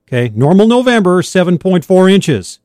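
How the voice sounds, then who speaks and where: A man co-hosting casual radio banter in deliberate, clipped phrases. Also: high voice, big pitch swings, darkish tone, no echo, studio quality. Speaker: radio co-host.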